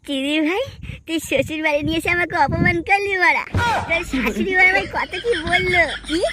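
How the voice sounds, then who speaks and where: A man voicing a crude, hot-headed, boastful young village man in a comic cartoon, with a pitched-up, foul-mouthed, blustering delivery. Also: brisk, background noise. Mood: indignant.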